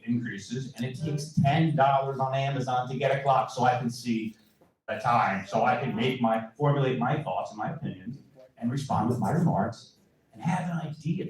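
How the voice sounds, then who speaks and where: A man speaking during public comment at a town council meeting, praising the officials in a needling, sarcastic way. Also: medium pitch. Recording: echoey council chamber, voice from far off the mic.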